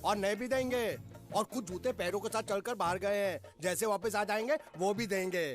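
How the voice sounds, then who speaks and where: A man's voice: sits high, normal speed, faint music behind, close to an everyday voice. An actor playing a blustering house manager who threatens servants and fawns over his employers in a film comedy.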